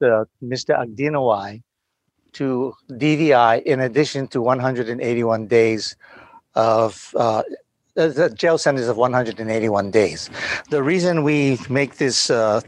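A man speaking as an attorney in formal legal argument, with halting, choppy phrasing. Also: medium pitch. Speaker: defense attorney arguing an appeal.

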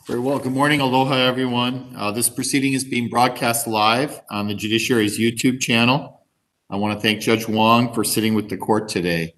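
A man presiding as judge, giving procedural remarks in a courteous, halting way. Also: mid-range voice, fairly even intonation, fairly bright tone, rough recording.

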